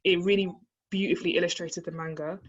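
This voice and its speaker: A young woman chatting casually as a guest about her interests, animated and full of fillers. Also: on the low side, fast. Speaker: guest, anime fan. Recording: slightly dull lo-fi audio.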